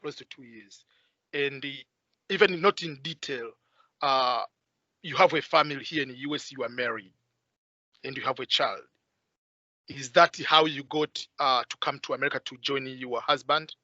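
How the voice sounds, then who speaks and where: A man's voice: medium pitch, normal speed, pauses often, pushed and bright, no room sound, muffled recording. A man hosting an interview over a video call, talking with many hesitant "uh" fillers. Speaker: host.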